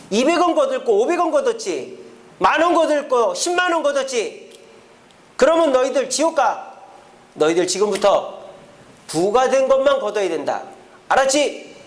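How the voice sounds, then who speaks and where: A man's voice: very high voice, very animated, unhurried, pauses often, pitched above the performer's own voice, exaggerated voice. A man voicing a stern male prophet who scolds tax collectors in a raised, commanding voice. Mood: scolding.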